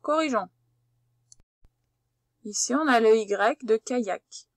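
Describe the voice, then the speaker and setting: A woman with a fairly high voice leads a spelling dictation, speaking very slowly and patiently. Each letter is spelled out clearly for the listener. The sound is dry and close, with no room around it. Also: no echo. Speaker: teacher. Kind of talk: slow spelling dictation lesson.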